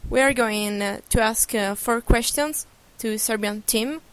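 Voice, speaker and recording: Lady interviewer outside, lots of uhs, halting questions. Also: a little high, smooth. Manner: halting, searching for words with many uhs. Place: outdoors.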